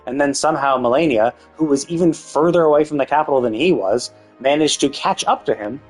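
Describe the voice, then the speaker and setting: A man's voice: mid-range voice, brisk. A man streaming live, ranting casually and with exasperation, full of rhetorical questions, restarts and swearing. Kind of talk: casual gaming rant. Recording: live stream with faint music behind.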